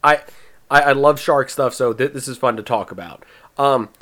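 A man hosting a casual movie podcast, summarizing the plot with quick, stumbling restarts. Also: medium pitch, fairly bright tone. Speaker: podcast host presenting the movie.

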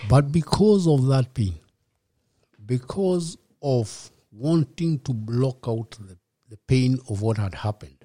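Kenyan man in his fifties, interview guest; relaxed, reflective storytelling with a dry, close sound. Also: mid-range voice, no room sound. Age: 50s. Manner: reflective, unhurried, slips in Swahili words. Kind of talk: personal storytelling in a podcast interview.

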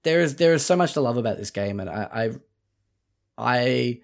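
A man with a medium-pitched, gravelly voice speaks animatedly at normal speed. He co-hosts a casual video game podcast, chatting in a loose, rambling way and restarting often.

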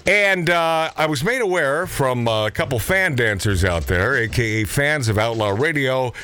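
A man's voice: mid-range voice, animated, normal speed, bright, forceful tone, clear, resonant tone. A man hosting a live radio show in casual, jokey, slangy chat.

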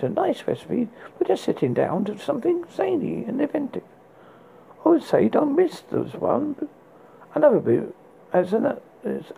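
A performer playing a spooky horror host, reading recommendations in a husky, gravelly voice with a halting, stumbling delivery. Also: medium pitch, mellow, slight background noise, full character voice, low-quality recording. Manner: halting read with stumbles and repeated words. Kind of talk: scripted horror book and film recommendations read as a horror host.

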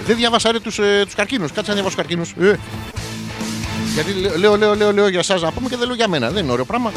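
A man's voice: sits high, lively intonation, over music. A man hosting a radio show, reading horoscopes as a crude, rambling comic monologue full of wordplay.

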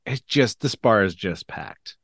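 A man co-hosting a podcast, telling stories in a lively, chatty way. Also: lowish voice, a little slow, breathy edge, dry recording, clean studio sound. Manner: lively storyteller. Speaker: podcast co-host. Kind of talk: casual chat.

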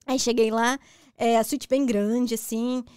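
A young Brazilian woman with a Brazilian Portuguese accent, a talk show guest telling her story in animated, casual conversation with frequent restarts. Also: a little high, unhurried, smooth, dry recording, studio quality.

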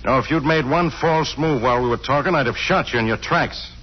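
An actor playing a gruff, suspicious police inspector, blustering and barking in 1940s radio drama style. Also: male voice, mid-range voice, fairly quick, lightly acted. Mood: gruff, threatening. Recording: muffled old-time radio recording.

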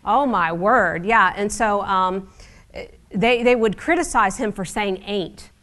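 A woman's voice: medium pitch, a little slow, a bit bright. Woman preaching a wry, chatty sermon. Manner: conversational, wry teaching with asides.

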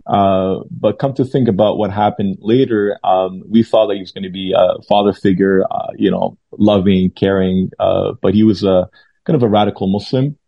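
Low gravelly man telling his testimony. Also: fairly even intonation, no echo. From Lebanon. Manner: halting, many fillers and restarts. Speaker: guest sharing his testimony. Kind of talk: conversational personal testimony. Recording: dull lo-fi sound.

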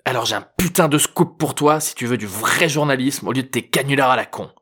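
A man voicing a rough, hot-tempered tough guy in an audiobook, talking in crude threatening slang. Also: medium pitch, a little fast, fairly bright tone, voice pushed up. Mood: menacing.

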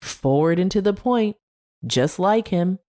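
A woman's voice: fairly low pitch, expressive, a little slow, mellow, voice pushed up. A woman voicing a chatty older woman from a council of old travelers, with her voice raised above her own.

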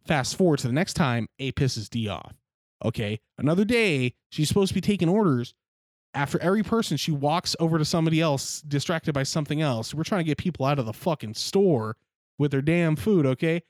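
A man telling a work story on a casual podcast, swearing freely and acting out coworkers. His voice sits a little high, and the sound is dry and close to the mic. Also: a little fast, no echo. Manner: animated, profane, quotes coworkers in put-on voices. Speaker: podcast co-host.

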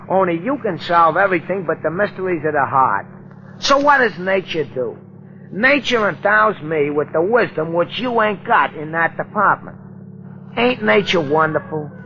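Easygoing comic cop sidekick, higher man's voice, slangy know-it-all, old radio show w muffled noisy sound. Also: bright, forceful tone, heavily acted. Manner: folksy slangy mock wisdom. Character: wisecracking, easygoing male police sidekick. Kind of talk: 1940s radio comic-relief acting.

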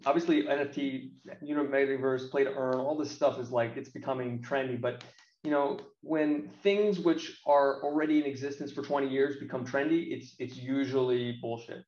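As an interview guest, this American games marketing professional in his late thirties chats casually with blunt, colloquial opinions. His voice is mid-range and a little mellow, with fairly even intonation at a moderate pace, captured with roomy echo and slightly dull sound.

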